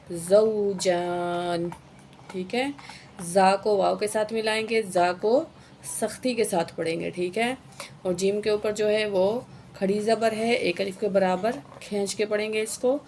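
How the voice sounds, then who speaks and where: A woman's voice: medium pitch, fairly even intonation, a little mellow, slight background noise. Woman teaching Quran recitation word by word. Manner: spells out letters and vowel marks, then recites each word slowly and drawn out; often adds a checking "okay" after each rule.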